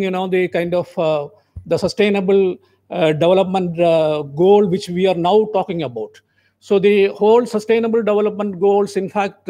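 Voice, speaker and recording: A man with an Indian accent giving a welcome speech as event host, in a halting way that often repeats words. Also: sits high, warm tone. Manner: halting, repetitive. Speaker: event host introducing guest.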